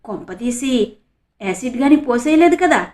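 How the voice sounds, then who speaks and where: A woman's voice: on the high side, lively intonation, moderate pace, darkish tone, lightly acted. A woman voicing a young male reporter who comforts his younger sister with concern. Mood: coaxing. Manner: eager, concerned, soothing. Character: young male reporter, protective elder brother. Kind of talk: audiobook character reading.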